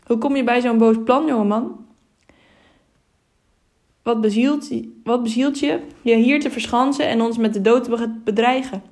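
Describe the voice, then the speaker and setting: A woman's voice: fairly high pitch, normal speed, long pauses, darkish tone, lightly acted. A woman reading the part of an irritable, pompous middle-aged mayor who blusters and scolds. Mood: blustering. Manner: blustering, indignant, coaxing.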